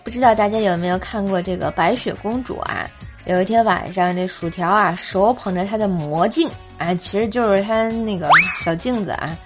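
A woman's voice: medium pitch, normal speed. A woman hosting a comedic podcast, telling funny stories in a playful way and often laughing as she talks. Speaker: podcast host. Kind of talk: comedic joke storytelling. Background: background music.

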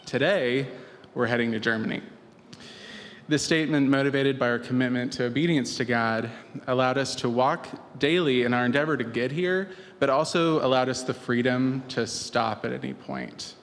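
A man speaking as a missionary, giving a measured, earnest testimony with formal wording. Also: mid-range voice. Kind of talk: personal testimony. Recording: echoey hall with faint noise.

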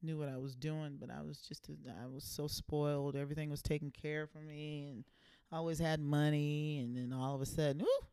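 Low, gravelly middle-aged woman, sassy. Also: steady tone, a little fast, few pauses, mellow, no room sound. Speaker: podcast guest, the host's parent. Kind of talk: casual chat.

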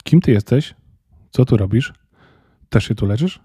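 A man's voice: medium pitch, lively intonation, moderate pace, mellow, breathy edge, dry recording, clean studio sound. A man reading a young boy in hospital. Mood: sad. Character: young boy in a hospital bed, sulky then brave.

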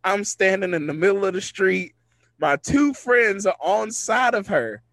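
A man's voice: sits high, lively intonation, a little slow, fairly bright tone, dry recording. A man telling a funny personal story in casual chat, often laughing as he talks.

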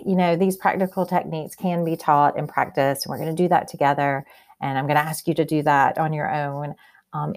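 A woman's voice: low-pitched, gravelly, a little mellow. A woman hosting a podcast talks conversationally in an informal, earnest, reflective way. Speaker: podcast host.

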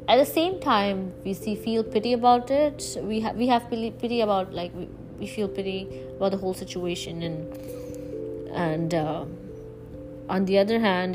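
A woman's voice: fairly low pitch, poor audio. Woman reflecting over music. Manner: halting, searching for words, with emphatic stresses. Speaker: podcast host. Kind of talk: reflective solo monologue to listeners. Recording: music bed behind the voice.

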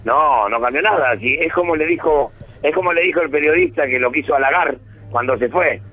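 A man's voice: on the high side, brisk, slightly rough, no echo. A man with a Rioplatense Argentine accent, arguing as a radio guest in a teasing, combative way over a dull lo-fi phone line. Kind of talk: heated radio debate.

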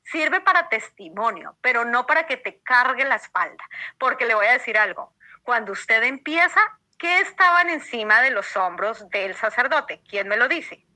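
A woman preaches to her congregation in a high, piercingly bright voice. She hammers her points home by repeating them and keeps asking the listeners questions. Her sermon style is earnest and insistent. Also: lively intonation, normal speed, low-quality recording. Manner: emphatic, repeats phrases, asks the audience questions.

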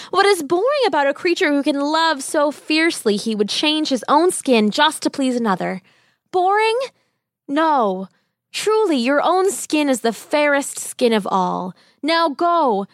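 A woman voicing a small cheerful magical female forest sprite, speaking high and lilting. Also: dry recording, studio quality.

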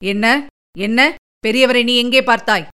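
A woman's voice: a little high, unhurried, sharp tone, clean tone. A woman voicing a proud, brusque middle-aged male fort commander who speaks in curt, commanding questions.

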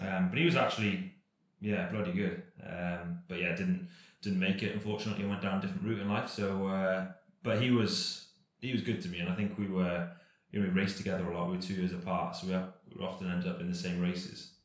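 A man in his thirties talks casually as an interview guest, loose and rambling, often restarting his sentences. His voice sits very low and barely moves in pitch. The sound carries a heavy room echo. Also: brisk. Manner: relaxed, rambling, many fillers and restarts. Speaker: professional cyclist guest.

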